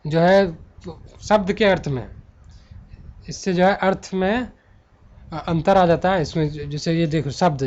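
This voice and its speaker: A man's voice: high voice, a little mellow. A man teaching a Hindi grammar lesson, who repeats his words, stretches out key terms, and asks questions only to answer them himself. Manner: slow, drawn-out stress on key words. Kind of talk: classroom-style lesson. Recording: dull lo-fi recording.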